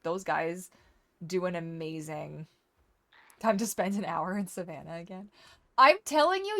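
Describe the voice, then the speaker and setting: Welcoming, lower-voiced woman hosting a game stream. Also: gravelly. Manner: welcoming, chatty host addressing viewers directly; playful, teasing. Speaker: host of a live game stream and community server. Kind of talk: casual chat while playing a game.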